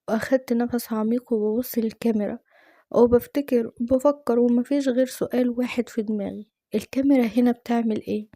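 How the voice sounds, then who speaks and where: A woman's voice: a little high, dark tone, no echo, studio quality. A woman with an Egyptian accent narrating an emotional first-person story. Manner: emotional, fast-flowing.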